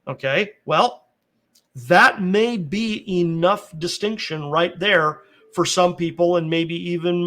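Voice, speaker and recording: A man with a voice a little higher than most men's, working through a Bible passage in a relaxed teaching tone. He lays out each point step by step, keeps asking his listeners "right?" and "okay?", and hedges his claims with care. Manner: explains step by step, often checking in with "right?" and "okay?"; cautious, qualifies his claims. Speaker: Bible teacher and podcast host.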